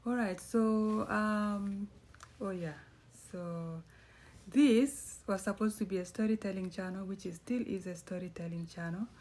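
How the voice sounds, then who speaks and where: An East African woman, a writer and YouTuber, chats casually with her channel's viewers in a vlog, rambling and correcting herself as she goes. Her voice is fairly low in pitch with a darkish tone.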